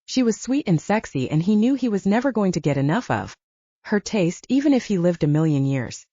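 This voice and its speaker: A woman narrating a romance audiobook in an expressive storytelling manner. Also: mid-range voice, fairly quick, dry recording. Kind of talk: scripted narration. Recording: slightly muffled dry audiobook recording.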